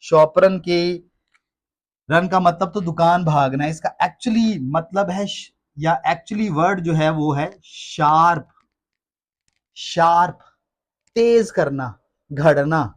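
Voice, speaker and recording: A man teaching English pronunciation, repeating each word slowly and with emphasis. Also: fairly high pitch. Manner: repeats words slowly and emphatically, addresses listeners as friends. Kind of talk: classroom-style explanation in Hindi.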